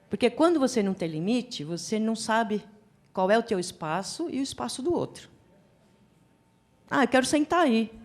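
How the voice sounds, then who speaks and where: A woman giving a psychology lecture at a forum, chatty and animated, acting out little scenes as she talks. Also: fairly high pitch. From Brazil. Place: lecture hall.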